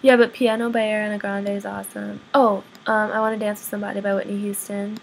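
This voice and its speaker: A young woman answering viewer questions in a casual vlog, rambling and self-deprecating, with lots of ums and quick apologies. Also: medium pitch, level tone, vocal fry, a little hiss or hum, rough recording. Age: young adult.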